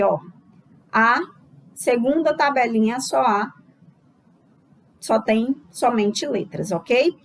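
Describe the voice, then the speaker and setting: A woman giving a recorded lesson to teachers, explaining step by step and checking in with the listener after each point. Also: sits high. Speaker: teacher trainer.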